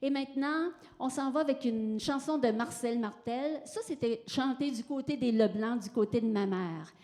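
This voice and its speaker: A middle-aged woman with a Quebec French accent, introducing songs on stage at a concert, warmly greeting the listeners. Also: on the high side, normal speed. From Gaspésie, Quebec. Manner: warm, grateful greetings to listeners. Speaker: band member introducing songs. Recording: long hall reverb over loud music. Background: loud country guitar music.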